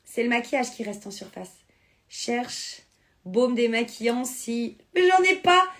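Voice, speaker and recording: On a live stream, a woman sells beauty products and responds to viewer comments in a relaxed, chatty way. Spanish is her first language; she was born in France into a Spanish family. Her voice sits on the high side and swings widely in pitch at a measured pace.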